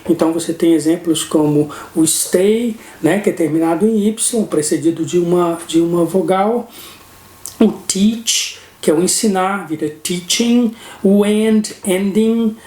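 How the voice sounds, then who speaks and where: Brazilian male teacher, explanatory lesson delivery, warm low tone, recorded in a room with echo. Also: unhurried. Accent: Brazilian Portuguese. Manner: explanatory, keeps checking in with "não é?". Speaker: English teacher. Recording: roomy echo.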